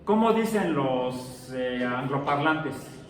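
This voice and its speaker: A man's voice: medium pitch, animated, slow pace, very echoey. Man, teacher, chatty classroom lecture, asks students questions, distant mic, faint noise. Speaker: science teacher.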